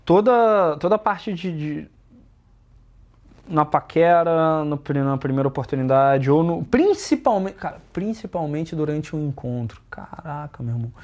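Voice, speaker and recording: A young man hosting a casual podcast chat about dating, animated, swinging his loudness and pitch, swearing for emphasis. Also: measured pace. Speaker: dating coach and host.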